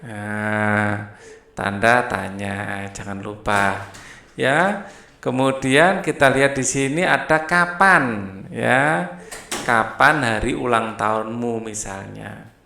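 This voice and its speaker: Male primary teacher, slow explanatory delivery, roomy echo. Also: lowish voice, vocal fry, sharp tone, slight background noise. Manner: slow and explanatory, often adding "ya". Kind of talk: explaining a school textbook lesson. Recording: echoey room.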